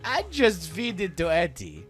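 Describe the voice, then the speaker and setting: A man voicing a proud, hearty young barbarian woman in a loud, high put-on voice. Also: huge pitch swings, a little slow, soft background music, heavily acted. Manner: loud, hearty, pitched far up.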